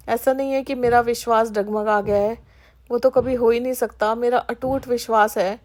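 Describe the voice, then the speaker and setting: A woman's voice: on the high side, a little mellow. A middle-aged woman telling a heartfelt personal devotional testimony, earnestly addressing the listening congregation.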